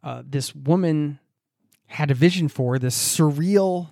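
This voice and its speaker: An American man hosting a travel podcast, speaking in a reflective, animated way with occasional laughs. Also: on the high side, slow, gravelly, no room sound, studio quality. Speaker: podcast host. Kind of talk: podcast interview.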